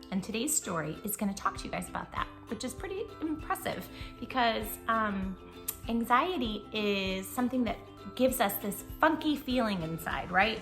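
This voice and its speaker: A woman with a fairly high voice hosts a children's storytime, reading a picture book aloud. She speaks affectionately and expressively, addressing the young listener directly and intimately.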